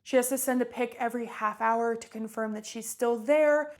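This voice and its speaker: A woman's voice: fairly high pitch, normal speed, a little mellow, soft background music. A woman vlogger recapping a movie in a chatty, offhand way.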